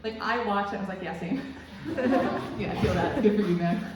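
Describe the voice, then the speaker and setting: A woman in her twenties does rambling, crude, self-deprecating stand-up storytelling in a small club room, her medium-pitched voice brisk. The mic is distant, the room very echoey, with faint noise.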